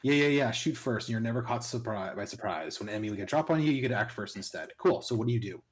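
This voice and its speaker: A man's voice: lowish voice, fast talker. A man running a tabletop game as game master, narrating in a casual way and prompting the players with questions.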